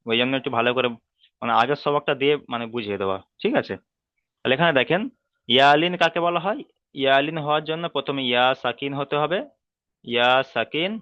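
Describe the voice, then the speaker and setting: Male online tutor, smooth resonant voice, patient, repeats each rule, dull call audio. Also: mid-range voice, no room sound. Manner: patient, repeats rules slowly, drills letter by letter. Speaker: Quran reading teacher. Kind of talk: online class lesson. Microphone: video call.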